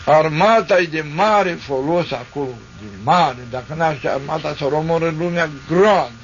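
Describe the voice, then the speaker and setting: An older man, an Orthodox priest, telling listeners a vivid, rambling story with many repetitions, on a dull lo-fi recording. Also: fairly high pitch. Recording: dull lo-fi recording with faint noise.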